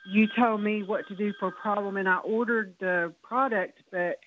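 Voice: medium pitch, fairly even intonation, moderate pace, slight background noise. A caller on a radio show asking plain, matter-of-fact questions. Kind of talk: phone-in call. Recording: tinny phone line on radio.

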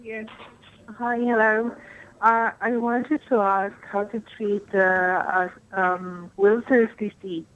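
A woman's voice: medium pitch, fairly even intonation, slow. A woman calling into a radio show with the phone held away from her mouth, speaking hesitantly with many fillers. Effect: phone held away from the mouth, faint and hard to hear. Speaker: caller. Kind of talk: call-in question to a radio host. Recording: dull, muffled phone line.

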